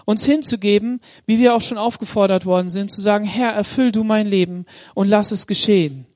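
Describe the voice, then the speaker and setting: Male preacher, high-pitched, direct to the congregation, reading scripture with weight; dry recording. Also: fairly even intonation, darkish tone, no echo. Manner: reads scripture aloud, slows for emphasis. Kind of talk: sermon with Bible reading. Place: church in Munich.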